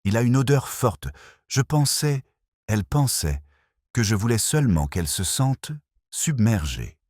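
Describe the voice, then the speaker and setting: A man voicing a frightened, guilty village woman who pleads in a halting, tearful way, reading a French mystery story. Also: mid-range voice, big pitch swings, a little mellow, dry recording, clean studio sound, pitched above the performer's own voice. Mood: pleading.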